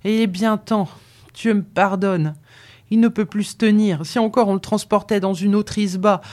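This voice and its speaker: A reader voicing a sharp-tongued peasant cook who grumbles and scolds, in an audiobook. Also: mid-range voice, pitched above the performer's own voice, lightly acted. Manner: grumbling, complaining. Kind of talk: audiobook character reading.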